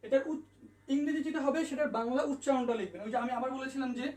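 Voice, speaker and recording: A man's voice: very high voice, very fast, darkish tone. A man teaching an online language lesson, patiently repeating and spelling out each letter sound. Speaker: English tutor. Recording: echoey room, mic at a distance.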